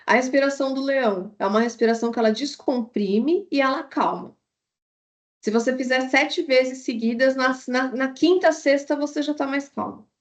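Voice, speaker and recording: High-voiced woman teaching. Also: moderate pace. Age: adult with a child. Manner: animated, acts out inner thoughts in quoted asides. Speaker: instructor. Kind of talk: online course lecture.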